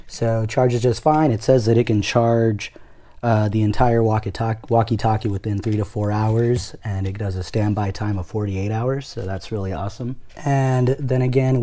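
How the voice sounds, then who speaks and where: A product reviewer does a casual unboxing demo, explaining things step by step in an informal way. He has a lowish, dark-toned voice. A faint hiss or hum runs under the audio.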